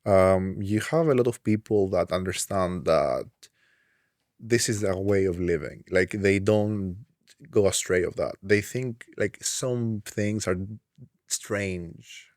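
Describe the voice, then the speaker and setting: Low-voiced young man. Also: slow pace, darkish tone, no echo, studio quality. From Greece. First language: Greek. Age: young adult. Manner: thoughtful, hesitant, many "um"s. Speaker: guest. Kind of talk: casual chat.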